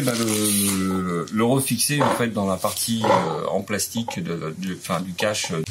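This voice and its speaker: Against slight background noise, a French man in his forties with a fairly low voice explains a repair step by step in a large workshop. It's a casual how-to, and he hesitates a lot, filling gaps with "euh" and restarting often.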